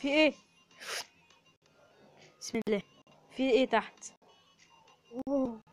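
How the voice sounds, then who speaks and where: Excitable high-voiced Egyptian woman gamer. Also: a little slow, faint music behind. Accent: Egyptian Arabic. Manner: excitable, frequent exclamations and prayers under pressure. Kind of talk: excited gameplay commentary.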